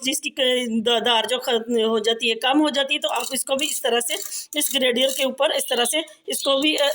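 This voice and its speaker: A home cooking and tips vlogger with a Pakistani Urdu accent speaks in a high, slightly bright voice. Despite a sore throat and a cough, she gives a casual kitchen how-to, chatty and repetitive, often calling her viewers ji.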